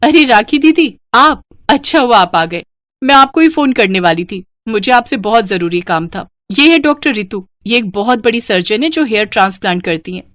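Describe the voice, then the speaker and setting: A woman playing a kind younger sister, high bright voice, eager, a bit louder, dry close sound. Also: lively intonation, normal speed, no echo. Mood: excited.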